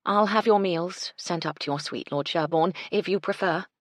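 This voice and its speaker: A woman's voice: on the low side, normal speed, no echo, studio quality, natural voice. A woman narrator voicing a composed, polite woman who runs a hotel. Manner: calm, polite and reassuring.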